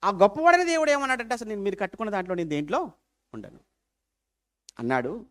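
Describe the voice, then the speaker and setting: This pastor's voice sits high and moves fast as he preaches with animation, peppering listeners with rhetorical questions and alternating loud pleas with hushed remarks.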